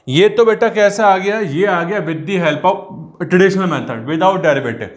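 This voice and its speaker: A man's voice: high-pitched, expressive, slow, echoey room. A man teaching a math class online, switching between Hindi and English, calling the students "beta" as he writes out the working. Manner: mixes Hindi and English, addresses students as beta, talks while writing.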